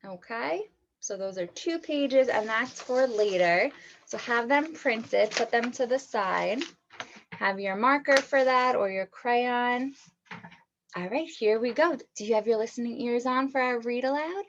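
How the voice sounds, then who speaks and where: A woman's voice: a little high, a little slow, dull audio. A woman teacher giving an online read-aloud lesson to young children, asking them questions and praising their answers.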